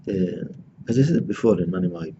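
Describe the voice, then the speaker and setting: A man in his sixties from Gaza gives a reflective personal lecture, speaking haltingly with many restarts and fillers. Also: low-pitched, lively intonation, mellow, dull audio, slight background noise. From Gaza, Palestine. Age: 60s.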